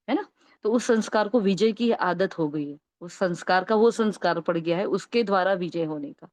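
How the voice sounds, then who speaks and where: A woman's voice: mid-range voice, darkish tone, no echo. A woman spiritual teacher giving an earnest, coaxing talk and answering a question, often asking "right?" to check on her listeners.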